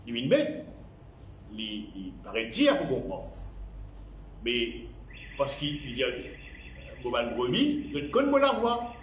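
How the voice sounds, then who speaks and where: A man's voice: mid-range voice, wildly swooping pitch, slow pace, long pauses, a little hiss or hum. A man with a Mauritian accent preaching a sermon as a pastor, repeating key phrases and dropping in English words. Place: church. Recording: echoey church hall.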